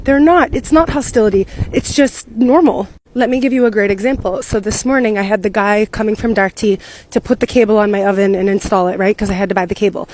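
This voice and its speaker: A young American woman from the United States, telling a story casually and profanely, acting out what people said. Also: mid-range voice. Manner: fast, animated, profane, acts out quotes. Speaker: expat content creator.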